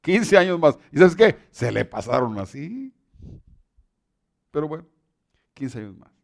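A man's voice: a little high, big pitch swings, measured pace, creaky. A male preacher giving an emphatic sermon who often repeats words and restarts his sentences.

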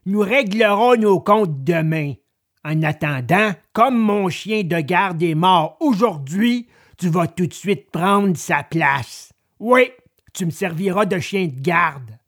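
A woman's voice: on the low side, lively intonation, slow pace, heavily acted. A woman voicing an angry, stern male farmer in a storybook reading. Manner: stern, scolding. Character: gruff, angry middle-aged male farmer.

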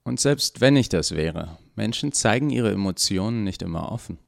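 A man's voice: lowish voice, expressive, moderate pace, creaky, no echo, clean studio sound. A man playing an awkward, hesitant doctor. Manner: hesitant, full of ums. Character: awkward, evasive male research doctor.

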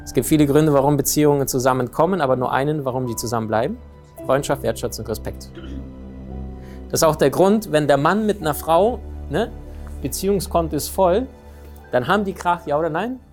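Lively man giving a motivational talk. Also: fairly high pitch, brisk, faint music behind. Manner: lively, keeps asking the audience questions. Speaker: speaker on communication and relationships.

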